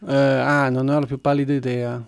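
A male guest answers easygoing questions on a radio show. His voice is gravelly. The sound is dry and close. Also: medium pitch, flat delivery, moderate pace, dry recording. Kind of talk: casual interview.

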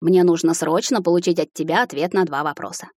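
A woman voicing a determined young male corporate leader who speaks in a calm, dry, teasing way. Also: fairly low pitch, brisk, dry recording, lightly acted.

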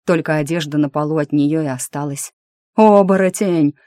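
A woman reading a first-person fantasy audiobook in a lively, wry storytelling manner. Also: sits low, a little fast, dry recording, studio quality. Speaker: audiobook narrator. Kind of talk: scripted fantasy narration.

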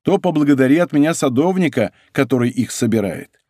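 A man's voice: mid-range voice, animated, brisk, dark tone, no room sound, studio quality, natural voice. A man doing a bold, teasing young nobleman.

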